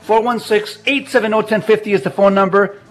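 A man's voice: high voice, fairly even intonation, brisk, a bit bright. A man hosting a live radio call-in show from his home, chatty and jokey, laughing often. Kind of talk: casual live radio talk. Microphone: video call.

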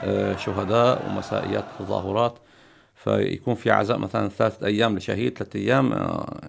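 Middle-aged Syrian-accented man, guest storyteller; low, heavily gravelly delivery. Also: steady tone, quick pace, a little hiss or hum. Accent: Syrian Arabic. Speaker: podcast guest. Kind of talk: recounting memories in conversation.

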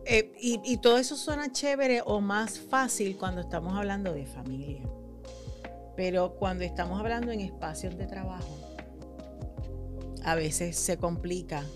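A woman co-hosting a casual podcast chat, chiming in with quick agreement and then sharing her own take. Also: fairly low pitch. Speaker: podcast co-host.

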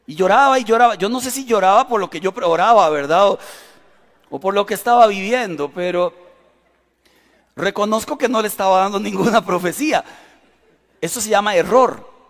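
A middle-aged male pastor, preaching with animated storytelling that swings from loud to hushed. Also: sits high, normal speed, long pauses. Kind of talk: sermon. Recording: long hall reverb.

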